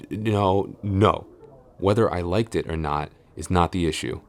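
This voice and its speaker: A man with a low voice and a measured pace voices a flustered tsundere boyfriend and office boss in an intimate audio roleplay. Alarmed and scolding, he stammers with exasperation and gets defensive.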